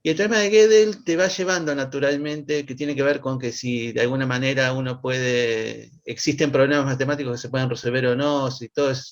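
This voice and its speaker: A man talks through his ideas in a relaxed interview, pausing and restarting as he thinks. His voice has a gravelly, creaky edge. The recording sounds dull and lo-fi. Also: medium pitch. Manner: thinks aloud, with restarts and fillers. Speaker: guest, mathematician and philosopher. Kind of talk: casual conversational interview. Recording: lo-fi, dull audio.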